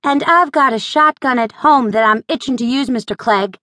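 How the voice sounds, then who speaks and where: A young frontier mother, sharp-tongued and sarcastic, as a woman narrator voices her. Her voice sits a little high, and the studio sound is dry and close. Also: normal speed, no room sound. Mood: defiant. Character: young frontier mother, defiant yet frightened.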